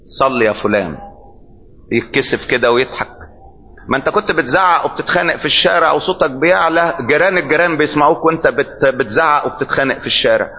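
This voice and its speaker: A bright, forceful Egyptian man's voice preaching with emphasis, pitched a little high for a man. He keeps asking his listeners questions and answering them himself. The recording is dull and lo-fi. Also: rapid-fire. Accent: Egyptian Arabic. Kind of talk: sermon.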